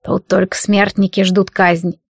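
Audiobook role: woman voicing a hardened male prisoner, slow, rough and blunt, in a dry close recording. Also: high-pitched, little pitch movement, dry recording, full character voice. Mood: grim. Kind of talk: audiobook character voice.

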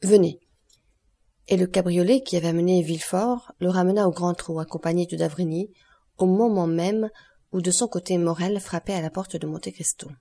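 A woman's voice: fairly low pitch, brisk, mellow. A woman narrating a classic novel as an audiobook, reading steadily and expressively.

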